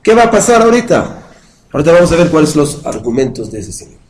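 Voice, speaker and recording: Male teacher, fairly high voice, patient lecture style with questions to the class and chanted verses. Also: sing-song, quick pace, a little mellow, rough recording. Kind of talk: religious study lecture with a live class.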